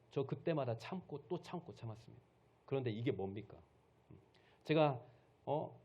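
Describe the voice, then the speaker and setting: A man voicing an indignant biblical man who loudly scolds his uncle with reproachful rhetorical questions. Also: medium pitch, husky, dull audio.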